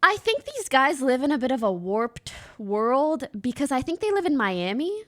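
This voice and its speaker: A woman's voice: sits high, sing-song, moderate pace. Blunt chatty woman streamer. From Canada. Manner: blunt, chatty, reads chat aloud. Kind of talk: casual live-stream chat reacting to clips.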